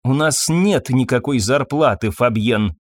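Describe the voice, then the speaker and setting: Мужчина в роли визгливой злой официантки. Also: male voice, a little slow, dry recording, lightly acted. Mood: weary scorn. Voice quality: high, sharp and shouting. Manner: scornful, nagging outbursts. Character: shrill, bitter, scolding middle-aged woman waitress.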